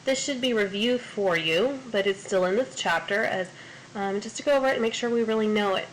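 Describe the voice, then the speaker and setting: A woman's voice: mid-range voice, brisk, a little hiss or hum, rough recording. Woman teaching a patient Spanish lesson. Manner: patient, explains step by step with many fillers. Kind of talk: recorded classroom lesson.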